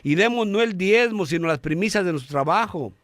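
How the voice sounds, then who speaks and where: Earnest radio preacher guy, kinda high voice, dry studio sound, lots of um's. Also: lively intonation, a bit bright, no echo. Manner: earnest, addresses listeners as brothers; halting with fillers and restarts. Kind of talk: radio sermon.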